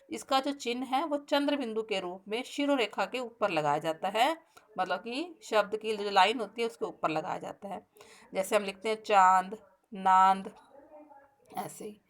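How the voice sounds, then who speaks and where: A woman teacher giving a recorded grammar lesson to pupils, explaining step by step, asking the class questions and slowing down to spell out sounds and example words. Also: mid-range voice. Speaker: school teacher.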